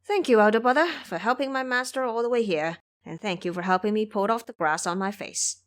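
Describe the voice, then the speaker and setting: A woman voicing an excitable, brash and devoted male monkey disciple in an audio drama, with an eager, exclamatory delivery. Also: medium pitch, a little fast, close to an everyday voice. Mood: joyful, grateful.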